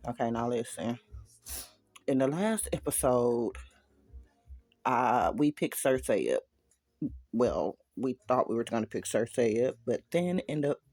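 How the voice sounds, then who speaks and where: A woman's voice: very deep voice, darkish tone, husky, low-quality recording. A woman narrating a fan-fiction story in a chatty, slangy manner with asides to viewers.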